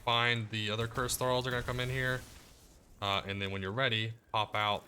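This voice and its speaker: A man giving casual commentary as he plays through a video game guide, relaxed and explaining as he goes. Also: medium pitch, normal speed, slight background noise. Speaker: gaming guide creator. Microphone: desk mic, muted to cough.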